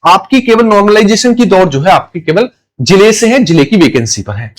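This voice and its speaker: Man, high voice, exam coaching teacher, emphatic, repeats points, quizzes himself. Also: lively intonation, a little fast. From India. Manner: emphatic, repeats key points, asks and answers his own questions. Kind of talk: online exam-prep lecture.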